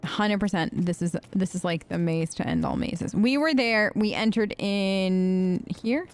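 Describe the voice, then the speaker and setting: A woman hosting a let's play, giving chatty, excitable commentary while she plays and yelping when startled. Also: mid-range voice, moderate pace. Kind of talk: gameplay commentary. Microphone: headphones with mic.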